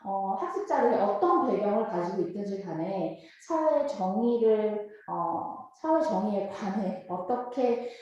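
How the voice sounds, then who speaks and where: Echoey, mellow woman interpreting a lecture. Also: mid-range voice, expressive, measured pace, hardly any pauses, lo-fi sound. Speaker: host and interpreter. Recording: very echoey room.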